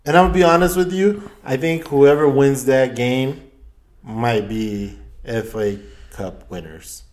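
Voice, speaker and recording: Male co-host, mid-pitched, relaxed ribbing, trails off quietly. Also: measured pace. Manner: laid-back, ribbing, trailing off softly. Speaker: podcast co-host, football fan. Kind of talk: casual football banter.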